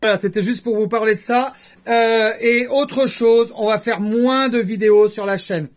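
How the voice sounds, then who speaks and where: A man's voice: high-pitched, fairly even intonation, a little fast. A man chatting casually to his viewers as a YouTuber, rambling with jokey conversational asides. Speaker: YouTuber host. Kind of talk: casual vlog chat to camera.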